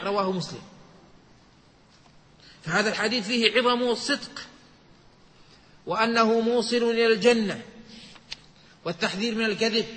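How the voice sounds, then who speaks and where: A man giving a religious lesson, quoting texts and explaining them in a measured teaching manner. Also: high voice, sharp tone, in a large hall. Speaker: Islamic scholar.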